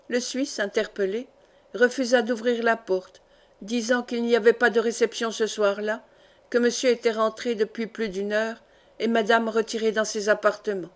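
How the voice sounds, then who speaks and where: A woman reading a classic fantasy novel aloud as a measured, even audiobook narration. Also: on the high side. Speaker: audiobook reader.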